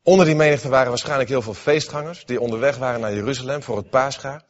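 A man preaching a sermon in a church, reading scripture and then expounding it, dramatic, swinging between raised emphatic lines and hushed ones. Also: mid-range voice, quick pace. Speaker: pastor. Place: church hall. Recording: dull, hall with long reverb.

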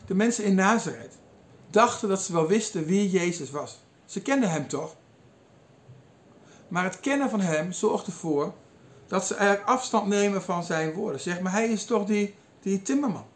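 A man with a high voice delivers a sermon as a retold story. He quotes the figures with lively changes in his delivery and pauses now and then with small hesitations. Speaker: preacher. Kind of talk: sermon retelling a Bible passage.

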